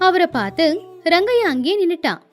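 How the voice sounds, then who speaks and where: A woman narrating a moral story in a measured storytelling manner. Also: very high voice, sing-song, faint music behind.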